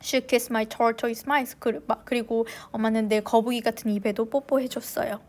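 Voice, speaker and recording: A woman English teacher reading a novel aloud slowly and clearly, then translating it line by line. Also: a little high, fairly even intonation. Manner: slow and clear in English, quicker in Korean.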